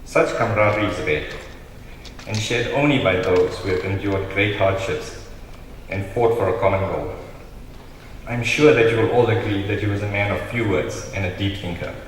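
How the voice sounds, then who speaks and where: Eulogy speaker: South African male, lowish voice, solemn and measured, reading in a highly reverberant, faintly noisy hall. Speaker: family member giving a eulogy. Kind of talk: prepared funeral eulogy read aloud. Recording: very echoey hall, distant mic, noisy.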